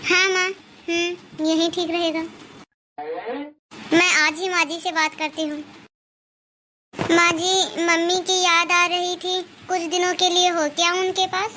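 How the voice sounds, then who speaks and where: A woman doing a young wife in a cartoon story, very high and bright voice, emphatic and complaining, faint hiss behind. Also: little pitch movement, slow, long pauses, heavily acted. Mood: annoyed. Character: young Indian wife, quick-tempered, later remorseful.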